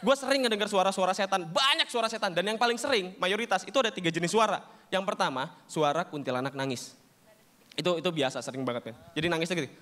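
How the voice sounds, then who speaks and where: A young man doing a stand-up comedy set, telling stories in an animated, slangy way and acting out characters. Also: sits high, fast. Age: young adult.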